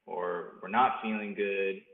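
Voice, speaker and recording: Male podcast host, lowish voice, easygoing, heard over a thin phone-like line in a roomy space. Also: fairly even intonation. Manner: easygoing, agreeable, quick to laugh along. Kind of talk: casual chat. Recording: tinny phone-like sound in an echoey room.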